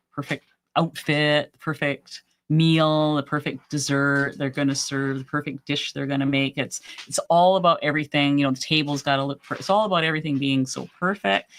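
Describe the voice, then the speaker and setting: A woman talks through a relaxed live stream, answering her viewers and cheering them on. Her voice is bright and forceful, a little strained as she loses it. Her sentences are full of restarts and repeated words. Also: sits low, a little hiss or hum. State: losing her voice. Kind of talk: casual live-stream chat, reading viewer comments.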